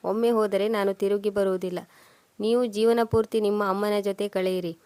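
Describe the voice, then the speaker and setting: ನಿರೂಪಕಿಯ ದನಿಯಲ್ಲಿ ಜಗಳಗಂಟಿ ಯುವ ಹೆಂಡತಿ. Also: female voice, medium pitch, fairly even intonation, moderate pace, mellow, no echo, natural voice. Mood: resentful. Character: angry young wife Sudha quarrelling.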